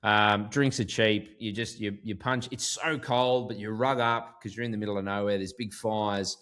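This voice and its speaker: A man's voice: lowish voice, fairly even intonation, moderate pace, fairly bright tone, clean tone. An Australian man co-hosting a sports podcast, chatting casually with many ums and restarts. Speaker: podcast co-host. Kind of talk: casual chat.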